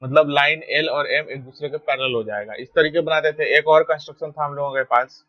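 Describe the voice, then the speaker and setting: A man's voice: fairly high pitch, fairly quick, no echo. Male math teacher, dull dry audio. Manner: steady, repeats "ठीक है" to check understanding. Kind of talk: explaining a lesson while drawing.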